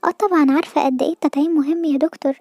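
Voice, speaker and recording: A woman voicing a kind, reassuring female animal doctor with an Egyptian Arabic accent, speaking in a gentle, encouraging way. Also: high voice, steady tone, racing, no echo, studio quality, natural voice.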